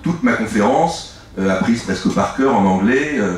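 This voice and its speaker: This middle-aged author, a native French speaker, is a guest at a live book talk, where his long answers wander, stall and keep restarting. He speaks expressively in a fairly low voice. A distant mic in an echoey room picks up faint ambience and slight background noise.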